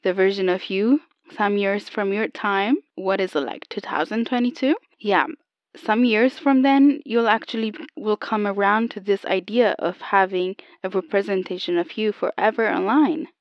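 A woman playing a calm AI copy of an older woman, heard over an old telephone line, explaining patiently and a little haltingly. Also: medium pitch, no room sound. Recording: dull lo-fi phone sound, dry.

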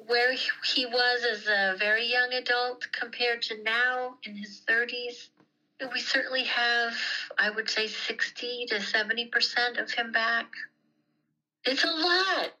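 A middle-aged woman, the mother of the story's subject, speaks candidly and reflectively in a conversational interview, repeating words for emphasis. Her voice is on the high side, unhurried, pushed and bright, and the audio quality is poor.

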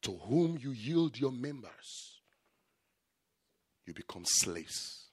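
A man preaching a sermon, shifting between loud shouted peaks and low quiet asides, repeating key lines for emphasis. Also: big pitch swings, takes it slowly, husky.

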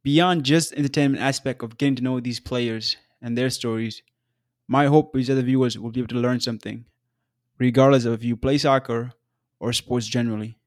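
Man in his twenties, from South Sudan, podcast host; measured and earnest, average pitch, dry close-mic read. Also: fairly even intonation, no room sound. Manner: measured, earnest, with occasional fillers. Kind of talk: scripted solo podcast narration.

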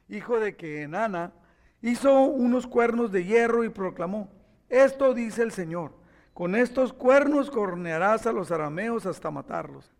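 High-voiced man preaching a Bible lesson. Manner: retells scripture with acted quotes and asides to listeners. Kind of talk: Bible teaching sermon.

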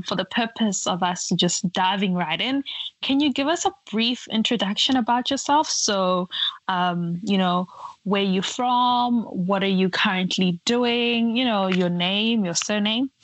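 This is a woman hosting a podcast interview, upbeat and encouraging. Her voice sits at a middle pitch. The sound is close and dry, with no room echo. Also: fairly bright tone. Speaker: podcast host.

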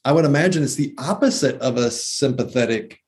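A man's voice: medium pitch, animated, a little fast, darkish tone. A man who once taught anatomy, explaining muscles and breathing in a casual conversation with enthusiasm. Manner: enthusiastic, detail-heavy, lists muscle names. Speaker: former anatomy teacher, guest.

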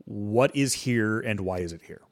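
A man's voice: fairly low pitch, a little slow. A young adult man hosting a casual podcast, explaining ideas in a rambling way with lots of fillers and restarts. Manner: rambling, self-correcting, heavy on fillers. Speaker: podcast host. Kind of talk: casual chat and teaching.

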